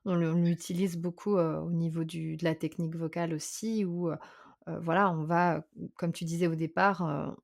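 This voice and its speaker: A woman vocal coach and singer, speaking as a podcast guest in a thoughtful, explanatory way, often pausing on fillers. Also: lowish voice, little pitch movement, vocal fry. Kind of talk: conversational interview.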